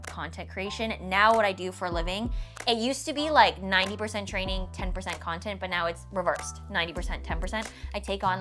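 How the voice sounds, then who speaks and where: A 29-year-old fitness vlogger and content creator from the Toronto area, with a Canadian accent, chats casually with followers in a rapid-fire Q&A, tossing in emphatic, self-mocking asides. Her voice is fairly low and a bit bright, with background music playing.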